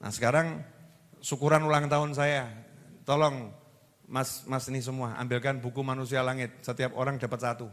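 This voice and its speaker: A man's voice: medium pitch, level tone, normal speed, a bit bright. A man with a Javanese accent preaching a sermon, acting out little scenes and asking the crowd questions. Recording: long reverb of a hall.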